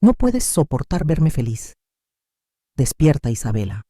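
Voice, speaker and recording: Male reader as a bitter young woman, slightly raised pitch. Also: very animated, measured pace, mellow, husky, no room sound, studio quality, heavily acted. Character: angry pregnant young woman, cruel and bitter.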